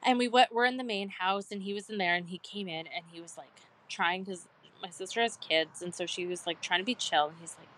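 A woman's voice: medium pitch, a little fast, sharp tone. A woman in her thirties co-hosting a podcast, telling stories in a loose, rambling way full of "like". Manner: rambling storyteller, heavy use of "like". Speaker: podcast co-host. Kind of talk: casual podcast chat.

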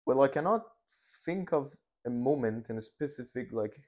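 Interview questions get tentative replies, packed with fillers and restarts, from this Iranian dental student in his 20s whose first language is Persian. His voice is medium-pitched and expressive with a darkish tone, at a moderate pace.

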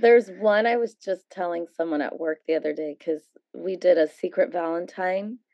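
A middle-aged American woman with a slightly low voice talks casually, like a guest sharing personal stories. The sound is dry and a little dull. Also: normal speed, warm tone, dry recording. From San Francisco Bay Area, USA. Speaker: interview guest.

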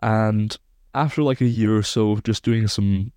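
A man's voice: lowish voice, fairly even intonation, measured pace, a little mellow, smooth, no echo, studio quality. A man in his twenties from Belgium, a sports science researcher, explaining studies precisely and technically as a podcast guest. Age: 20s.

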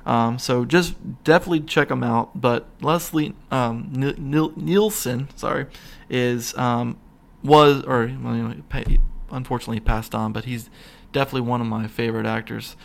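A man's voice: mid-range voice, fairly even intonation, moderate pace, vocal fry. A man hosting a podcast, chatting casually about comedy movies, rambling with lots of fillers and restarts, chuckling as he retells scenes. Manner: laughs while retelling scenes. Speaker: podcast host.

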